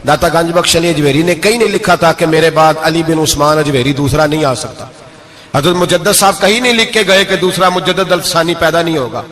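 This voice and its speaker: A male preacher with a slightly high, fairly bright voice delivers an emotional sermon. He puts rhetorical questions to the congregation, building up to emphatic peaks.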